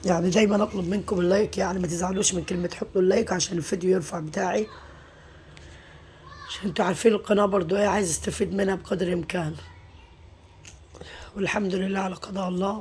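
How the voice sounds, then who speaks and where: A middle-aged Egyptian mother talks quickly to her viewers in a weary, venting way. She sprinkles her talk with pious phrases. A faint hum of room noise sits behind her. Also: on the low side, a little mellow. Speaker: mother and home vlogger. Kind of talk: casual confiding vlog talk.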